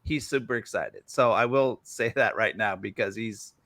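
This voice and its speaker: An enthusiastic man co-hosting a casual group chat, with a bright, forceful tone. He cuts in eagerly to make his point. The sound is dry. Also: lowish voice, normal speed, no echo. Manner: enthusiastic, jumps in to interrupt.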